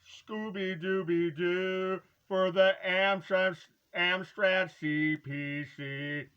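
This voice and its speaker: A man shows off a retro collectible, chatting casually in a rambling, halting way with a playful, hammy, folksy delivery and drawn-out words. His voice is a little high, clear, and resonant, and the sound is lo-fi.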